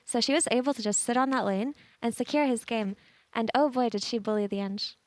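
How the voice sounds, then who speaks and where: A woman's voice: a little high, brisk, a little mellow, dry recording. A woman on an esports panel analysing a match, out of breath and chatty, repeating words as she thinks aloud.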